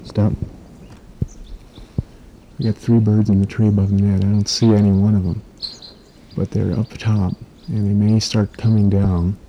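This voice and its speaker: A man speaks in a low, hushed, fairly even voice, logging brief observations and closing each with a clipped word. He is outdoors at a clearing at dawn, with birds calling and a steady hiss under the recording. His voice has some gravel to it. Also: measured pace, pauses often, muffled recording. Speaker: field researcher logging bird activity. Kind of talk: quiet field notes dictated into a recorder.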